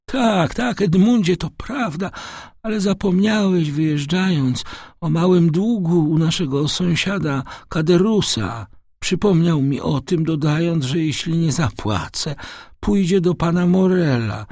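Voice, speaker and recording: A frail old father, as a male narrator puts him on, his voice thin, high and trembling. He speaks very slowly and gently, with a husky catch in the throat. The recording is close and dry. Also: no echo. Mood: weak, gentle. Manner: quavering and slow, breaking into high tones. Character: frail, tender old father, aging man.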